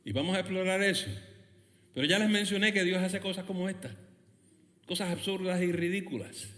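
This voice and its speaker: A man preaching a sermon as pastor, with impassioned delivery that moves between hushed low passages and loud, high outbursts. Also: fairly quick. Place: church service in a school building. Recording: reverberant church hall.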